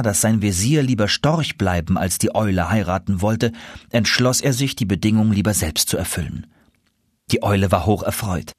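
A man narrates a fairy tale in a calm, measured way. His voice is husky, recorded close and dry with no room sound. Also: on the low side, no room sound. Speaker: audiobook narrator.

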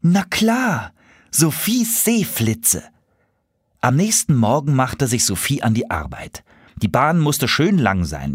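A man reading a children's story aloud with an expressive, swooping delivery. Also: mid-range voice, husky, dry recording, studio quality.

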